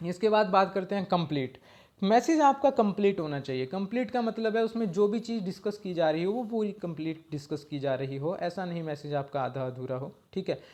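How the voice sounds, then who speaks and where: A man's voice: sits high, darkish tone. A man explaining an exam-prep lesson step by step, often checking in with a short "okay" and reading slide lines out in English. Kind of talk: slide-based lecture.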